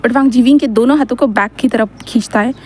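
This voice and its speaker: A woman's voice: a little high, fast talker, a little mellow, a little hiss or hum. A woman narrating a fan story in a casual, rambling way, with many fillers and English words mixed in.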